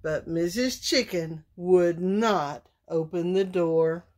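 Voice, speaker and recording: Slow, expressive woman reading a bedtime story. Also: fairly low pitch. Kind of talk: bedtime story read-aloud.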